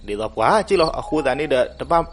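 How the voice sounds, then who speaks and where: A man narrating a folk legend, animated and switching voices for the characters. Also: medium pitch, rapid-fire. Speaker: storyteller. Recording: noisy recording with crickets behind.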